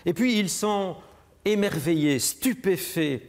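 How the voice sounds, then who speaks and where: A man preaching a measured, reflective sermon in a church. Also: high voice, animated. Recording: long church reverb.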